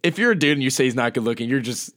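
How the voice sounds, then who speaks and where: Young man, podcast co-host, casual joking chat, very animated pitch. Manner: joking, animated, breaks into quick put-on voices.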